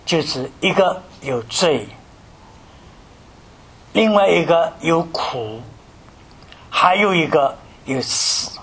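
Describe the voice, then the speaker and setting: Older male preacher from mainland China, high voice, asks rhetorical questions, animated delivery. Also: takes it slowly, long pauses, husky. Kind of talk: sermon with personal story.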